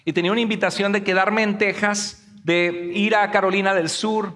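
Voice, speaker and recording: A man preaching a sermon in a church with animated delivery, joking and acting out quotes. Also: sits high, moderate pace. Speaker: pastor. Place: church sanctuary. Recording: long hall reverb.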